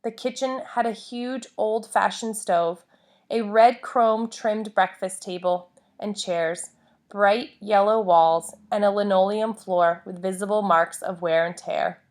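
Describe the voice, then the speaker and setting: Casting: female narrator for memoir read-aloud, mid-pitched voice, deliberate phrasing, short measured groups. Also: fairly even intonation, a little mellow. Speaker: audiobook-style reader of a memoir.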